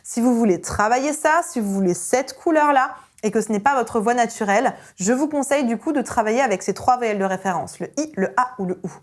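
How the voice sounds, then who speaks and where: A young adult woman teaching an online singing lesson as a vocal coach, energetic and emphatic. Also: a little high, brisk, few pauses. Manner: energetic and emphatic, with sung vowel demonstrations.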